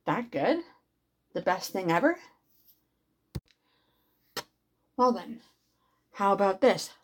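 A woman voicing a teasing, domineering superpowered stepmother in an intimate audio roleplay, with a slow, sultry delivery. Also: medium pitch, animated, a little hiss or hum, close to an everyday voice.

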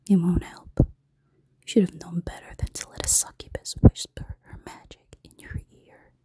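A woman voicing a seductive, menacing female succubus in an erotic audio roleplay, in a slow, teasing, commanding whisper. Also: lowish voice, dry recording. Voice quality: soft, breathy whisper.

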